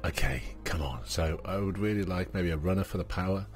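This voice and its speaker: A man's voice: low voice, a little fast, over music. A man giving casual let's play commentary, thinking aloud with many fillers and now and then talking to the little characters in his game. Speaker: gaming channel host.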